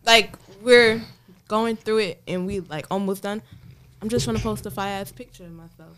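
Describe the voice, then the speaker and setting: A woman's voice: medium pitch, moderate pace, crowd noise. Sassy woman teasing in a group chat.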